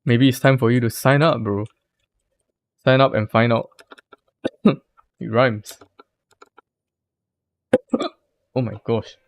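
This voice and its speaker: A young Singaporean man talks loosely to his viewers during a live stream, with a voice of ordinary middle pitch. His phrasing is slangy and rambling, like chat with friends. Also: steady tone, slow pace, pauses often.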